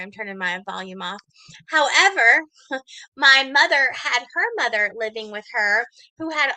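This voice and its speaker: High bright lady in her 40s, rambly chatty story, does little voices for people she quotes. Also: poor audio. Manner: chatty, acts out quoted voices with big pitch jumps. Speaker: host. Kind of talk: casual storytelling livestream.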